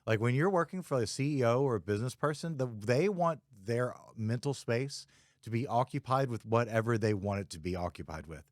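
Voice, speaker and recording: A man of medium pitch hosts a podcast, loosely chatting with plenty of fillers; he works as a photographer too. He speaks a little fast, and the studio-quality audio has no echo.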